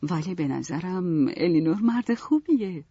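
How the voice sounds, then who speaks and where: Woman playing a soft-spoken middle-aged mother, husky voice, dull dry lo-fi storybook audio. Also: lowish voice, lively intonation, no echo. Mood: motherly. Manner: gentle, motherly.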